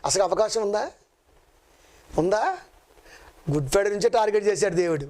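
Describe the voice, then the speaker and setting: High-voiced man preaching with rhetorical questions. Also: animated, darkish tone. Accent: Telugu. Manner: sudden jumps between high and low pitch; slow measured scripture reading. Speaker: preacher, Bible college director. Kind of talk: Telugu sermon.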